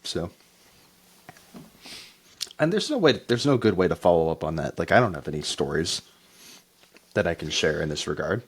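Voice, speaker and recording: A man's voice: low voice, sing-song, moderate pace, pauses often, breathy edge. A man co-hosting a podcast in casual chat, an easygoing listener who chuckles and gives short replies. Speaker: podcast co-host.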